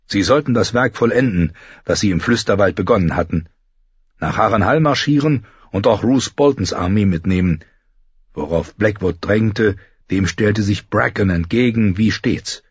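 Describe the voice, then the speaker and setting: Husky man narrating an audiobook. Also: fairly low pitch, normal speed, no room sound. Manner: expressive storytelling. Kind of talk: scripted narration. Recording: dry, dull lo-fi audio.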